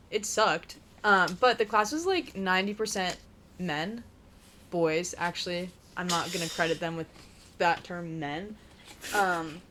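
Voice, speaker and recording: A young woman talking casually over a craft table, her pitch sitting in a middle range. She rambles through her stories with plenty of "like" and "um," and a faint hiss of noise runs under the recording. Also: fairly bright tone. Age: young adult. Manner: chatty storyteller, many "like"s and fillers. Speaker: vlog co-host. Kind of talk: casual chat while crafting.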